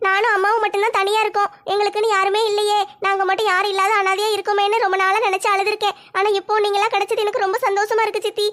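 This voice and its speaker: A woman's voice: very high voice, little pitch movement, racing, hardly any pauses, fairly bright tone. A woman voicing a sweet, eager young female college student in a homemade comedy skit, chatty and questioning. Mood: tearful.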